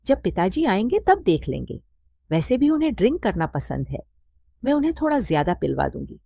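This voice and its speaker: A woman reading a doting middle-aged mother in a storybook, her voice lifted well above her plain reading tone. The mother teases and coaxes softly, the pitch swinging lively, with a gravelly, husky edge. The recording is close and dry. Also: a little fast, dry recording. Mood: coaxing. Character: affectionate middle-aged mother, teasing and indulgent. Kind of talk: scripted story narration.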